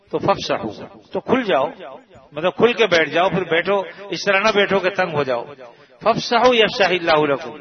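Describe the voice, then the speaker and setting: Man preaching a verse-by-verse sermon. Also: sits high. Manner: explains verses, chants Arabic slowly, then paraphrases. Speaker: religious preacher. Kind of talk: Quranic commentary sermon. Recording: dull lo-fi recording, audience around.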